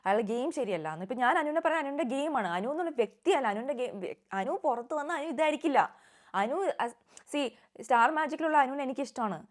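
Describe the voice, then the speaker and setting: Young woman, vlog reviewer; rapid, opinionated, drops English words in. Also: sits high, lively intonation. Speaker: reality show reviewer. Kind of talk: casual vlog commentary.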